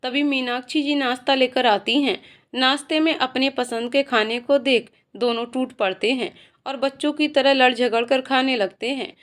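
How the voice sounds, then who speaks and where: A woman narrating a scripted family story in a steady, even storytelling manner. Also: high-pitched, normal speed.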